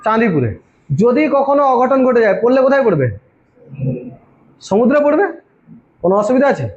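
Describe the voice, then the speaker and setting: A man's voice: extremely high pitch, sing-song, a little fast, darkish tone. A man, peppering the room with questions and then answering them himself. The recording is dull and lo-fi. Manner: quizzes students constantly, answers his own questions. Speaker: exam coaching teacher. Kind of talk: informal classroom lecture.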